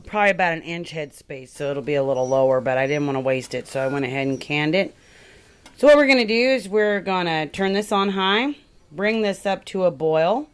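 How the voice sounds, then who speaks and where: A woman's voice: fairly low pitch, clean tone. A woman giving a casual step-by-step home canning demonstration in her kitchen, chatting and thinking aloud as she works. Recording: home video with steady background noise.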